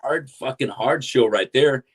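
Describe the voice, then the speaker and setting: A man's voice: medium pitch, unhurried, a little hiss or hum. A man hosting a podcast interview, effusive and hyped, praising his guest and swearing for emphasis. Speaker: podcast host.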